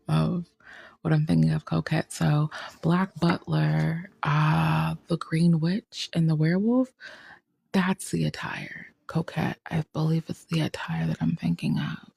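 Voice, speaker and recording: Woman, husky and dark, slow drawl, trails into whispers. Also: low-pitched, steady tone, no echo. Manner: rambling, soft-spoken, often drifting into whispers. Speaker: tarot reader. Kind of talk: casual reflective chat.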